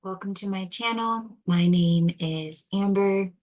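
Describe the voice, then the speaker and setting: A woman chatting casually to her channel, keeping quiet as if others are asleep nearby, rambling and trailing off mid-thought. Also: medium pitch, takes it slowly. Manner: quiet, hushed talk so as not to wake people napping nearby. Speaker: channel host doing card readings. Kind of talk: casual chat.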